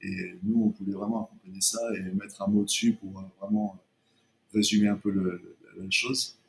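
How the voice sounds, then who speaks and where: Hesitant man with a low voice. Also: level tone, moderate pace, gravelly. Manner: hesitant, many restarts and fillers. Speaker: chocolate brand co-founder, guest. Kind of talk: casual interview talk.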